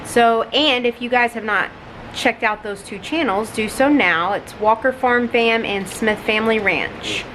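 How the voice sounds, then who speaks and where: A woman, a mother hosting a casual family question round, prompting her children with brisk questions and short encouraging replies. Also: fairly high pitch, background noise. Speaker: mother and channel host interviewing her children.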